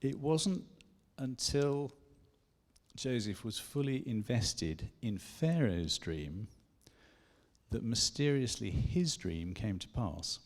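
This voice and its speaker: A man's voice: medium pitch, animated, slow. A man from England giving a chatty conference talk with lots of self-deprecating asides. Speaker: conference speaker. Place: church hall. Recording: long echo of a church hall.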